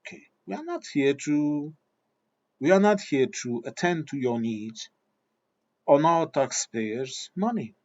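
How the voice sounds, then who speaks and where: Here the Portuguese-accented video commentator, whose first language is Portuguese, sounds a little high and very animated yet unhurried. His blunt, ranting monologue is addressed squarely to viewers, captured in a dry, lo-fi recording.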